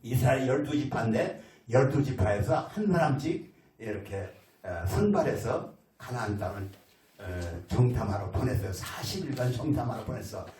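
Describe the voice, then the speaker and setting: A man's voice: medium pitch, lively intonation, normal speed, a little mellow. A man preaching a storytelling sermon, in a folksy way, acting out the voices of people in his story. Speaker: pastor. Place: church sanctuary. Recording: echoey church hall, mic at a distance.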